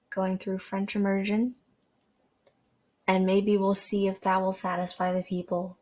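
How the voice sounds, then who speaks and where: A young woman from Canada, hosting a podcast and rambling casually into a desk microphone, chatty and self-deprecating, with fillers and restarts. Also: mid-range voice. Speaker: podcast host. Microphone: desk microphone with a cord.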